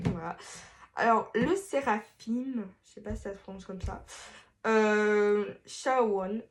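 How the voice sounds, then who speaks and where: A woman's voice: mid-range voice, slow pace, a little hiss or hum. A woman vlogger chatting casually through a face mask, with a rambling, hesitant, playful way of talking full of fillers and restarts. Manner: playful, self-mocking asides. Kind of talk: casual chat.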